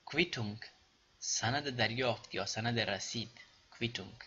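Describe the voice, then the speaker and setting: A man with an Afghan Dari accent, teaching German pronunciation and repeating example words slowly before explaining them. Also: medium pitch, bright, forceful tone, highs cut off, a little hiss or hum. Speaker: language teacher. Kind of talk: pronunciation lesson.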